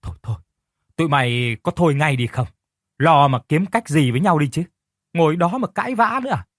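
A man voicing a gruff, fatherly older village man who talks bluntly and bossily. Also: mid-range voice, lively intonation, moderate pace, fairly bright tone, dry recording, studio quality. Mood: scolding. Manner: blunt, bossy, scolding. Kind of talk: audiobook character reading.

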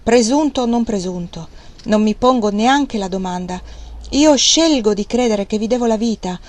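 A woman reading aloud, voicing a proud male mill owner who speaks with low, earnest intensity. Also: expressive, normal speed, darkish tone, lightly acted. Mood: passionate.

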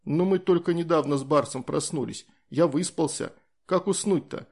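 A man's voice: on the high side, moderate pace, breathy edge, voice pushed up. A man voicing a curious, worried young boy in an audiobook, asking questions in a slightly raised voice.

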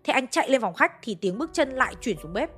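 A woman's voice: high voice, big pitch swings, fast talker, fairly bright tone, breathy edge. Hanoi woman storyteller, chatty ghost-story narration over faint music. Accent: Hanoi Vietnamese. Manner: conversational, addresses listeners.

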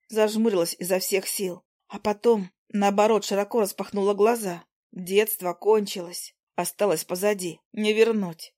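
A woman reads a first-person novel aloud, with a measured, expressive delivery. Her pitch sits in the middle for a woman. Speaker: audiobook narrator.

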